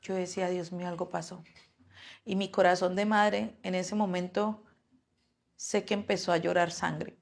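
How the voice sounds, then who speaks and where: A woman's voice: medium pitch, little pitch movement, normal speed, gravelly. A mother earnestly recounting a personal story, acting out what each person said. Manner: earnest, acts out quoted dialogue. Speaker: mother telling her own story.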